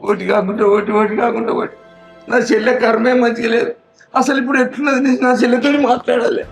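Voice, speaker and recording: Man acting an emotional brother, high fast voice, Telangana Telugu accent. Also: little pitch movement, creaky, over music. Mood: distraught. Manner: emotional, consoling. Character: distraught older brother of sick sister. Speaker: actor in a family drama.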